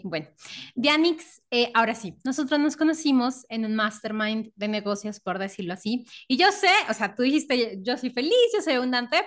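A woman hosts a podcast in a casual interview, enthusiastic and affirming toward her guest. Her voice sits a touch above the usual pitch. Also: a bit bright. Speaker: podcast host.

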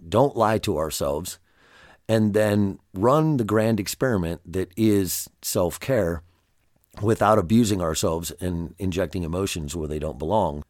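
A man with a gravelly voice, congested from allergies, hosting a self-help podcast in a direct, conversational way that addresses the listener. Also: fairly low pitch, mellow, no echo, clean studio sound. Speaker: podcast host.

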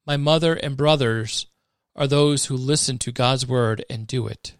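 A man reading scripture speaks the lines of a calm, commanding male teacher in a firm, measured way. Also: mid-range voice, clean tone, dry recording, studio quality, natural voice.

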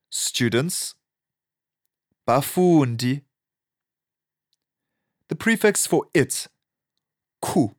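Very slow, deliberate language teacher. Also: mid-range voice, no room sound, clean studio sound. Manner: deliberate, spaced-out enunciation. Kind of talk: slow vocabulary lesson, phrase by phrase.

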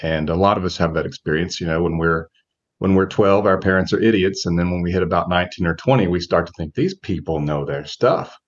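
Heard through a muffled recording, a low-voiced man in his forties appears as a guest coach in an interview. His answers are measured and reflective, and he thinks aloud as he goes.

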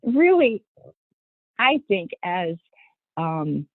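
Speaking with a lowish voice and drawn-out words, a very animated woman describes her youth horse program in a conversational interview. The dry audio has a tinny phone-line quality. She is earnest about the children she works with, restarts sentences often, and mimics voices when quoting others.

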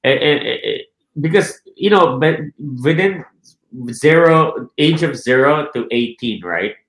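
A man's voice: on the high side, animated, a little slow, fairly bright tone. Roomy-sounding man from the Philippines. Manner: repeats words and restarts, asks "right?" often. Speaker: real estate team leader, guest. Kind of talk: casual interview talk.

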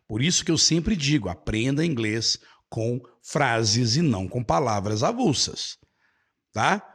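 Male language teacher, emphatic, lively pitch swings, husky tone, rhetorical asides. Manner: emphatic, checks in with rhetorical questions. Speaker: English teacher. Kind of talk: online language lesson.

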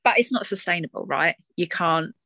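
A woman with an Essex twang talks casually and reflectively, as a guest would. Her voice sits a little low. The sound is dry, with little room around it, and her delivery is chatty and conversational. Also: animated, normal speed, vocal fry, sharp tone, breathy edge, no room sound. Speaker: doula, interview guest.

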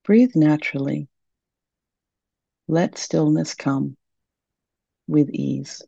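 A woman leading a guided meditation in a soft, soothing, gentle manner, on a dull lo-fi recording. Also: deep voice, extremely slow, gravelly, slightly rough, no room sound.

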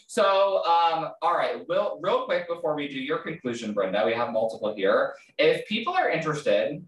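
With a mid-range, slightly bright voice, a man hosts a podcast interview, talking casually and often filling pauses or restarting sentences. He sounds far from the mic in a roomy space.

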